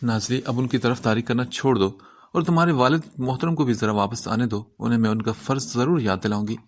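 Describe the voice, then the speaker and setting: A man's voice: mid-range voice, close to an everyday voice. A man reading the part of a bitter, protective middle-aged aunt in a novel, in a scolding manner.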